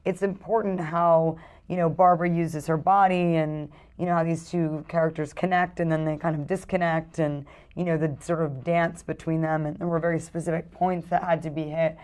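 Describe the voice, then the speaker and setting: A woman's voice: sits low, little pitch movement, moderate pace, hardly any pauses, darkish tone. A woman actor talking casually in an interview, hesitant and full of fillers and restarts. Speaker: actress in a film interview.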